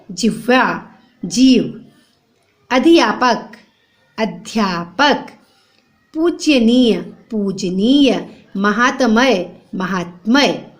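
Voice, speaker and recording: A woman teacher giving a grammar lesson to young children, spelling words out slowly letter by letter and asking the class for the right form. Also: high voice. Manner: repeats the wrong form then the right one, quizzing the class. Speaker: primary school teacher.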